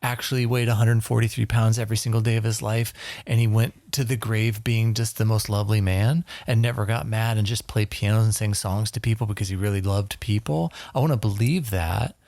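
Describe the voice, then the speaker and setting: A man's voice: on the low side, fairly even intonation, fairly quick, few pauses, darkish tone, no room sound. A man from Northern California co-hosting a podcast, talking in casual chat with blunt, emphatic bursts and the odd swear. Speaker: podcast co-host.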